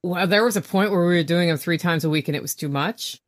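A woman with a slightly low voice speaks in an informal interview. Her delivery is chatty and plain-spoken, in everyday conversational phrasing. She is recorded inside a small camper trailer. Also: fast. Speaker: podcast guest, homesteader.

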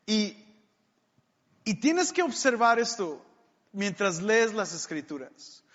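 A man's voice: extremely high pitch, a bit bright, in a large hall, dull audio. A man preaching a sermon, emphatic and drawing out key words.

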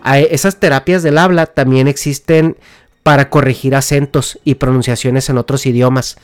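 A man's voice: medium pitch, steady tone, moderate pace, smooth, no room sound. A man with a Mexican Spanish accent, hosting a podcast and explaining things casually with slang, fillers and restarts. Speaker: podcast host.

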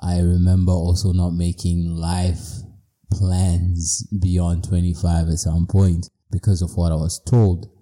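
A man's voice: low-pitched, completely flat delivery, a little slow, mellow. A man from Zimbabwe, hosting a podcast in a reflective personal monologue, playful and self-mocking. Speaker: podcast host.

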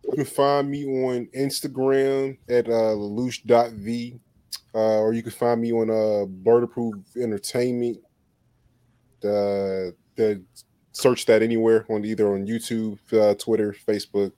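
A man's voice: fairly low pitch, little pitch movement, measured pace, warm tone, no echo. A man on a panel, chatting casually and frankly with slangy phrasing. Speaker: panelist and podcaster. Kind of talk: casual group chat.

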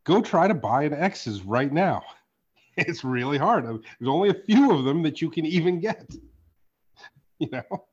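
A man hosting a casual podcast chat, animated and profane, swinging from loud outbursts to low asides. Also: a little slow, breathy edge, dull audio. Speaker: podcast host and card artist.

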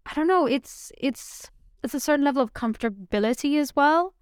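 A woman's voice: high-pitched, brisk, no echo, clean studio sound. A woman raised outside Pakistan, whose first language was Urdu, co-hosting a podcast in casual, emphatic chat. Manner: animated, emphatic, repeats herself for stress. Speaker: podcast co-host.

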